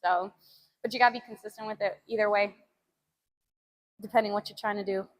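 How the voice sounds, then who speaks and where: A woman's voice: medium pitch, steady tone, a little fast. Young woman fitness streamer, chatty and rambly, lots of ums and likes. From United States. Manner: chatty, rambling, many fillers and laughs. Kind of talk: casual live-stream chat with viewers.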